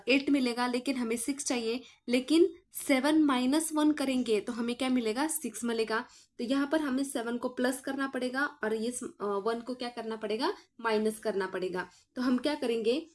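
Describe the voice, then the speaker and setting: A woman math teacher walks through each step, asking the class questions and answering them herself. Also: a little high. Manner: addresses students as children.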